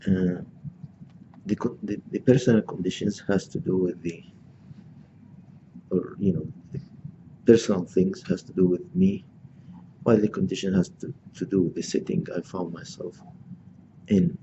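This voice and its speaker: Deep gravelly older man lecturing. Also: steady tone, dull audio, background noise. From Gaza, Palestine. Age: 60s. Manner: halting, many restarts and fillers. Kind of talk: reflective personal lecture.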